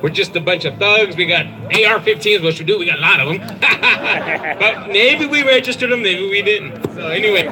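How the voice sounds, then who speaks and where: A man's voice: sits high, lively intonation, moderate pace, poor audio. A man giving a punchy, crowd-rousing speech at an outdoor rally. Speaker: rally speaker.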